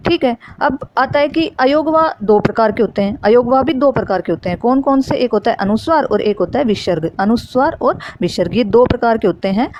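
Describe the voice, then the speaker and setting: A woman's voice: fairly high pitch, expressive, brisk, few pauses, darkish tone, muffled recording, a little hiss or hum. Woman teaching Hindi grammar, repeating key terms. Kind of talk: exam-prep lesson.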